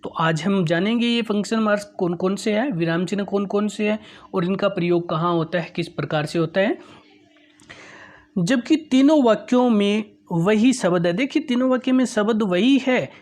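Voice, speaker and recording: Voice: medium pitch, moderate pace, a little mellow. A teacher explaining a grammar lesson patiently, repeating points and often telling listeners to look, with English terms mixed in. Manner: mixes English terms into Hindi.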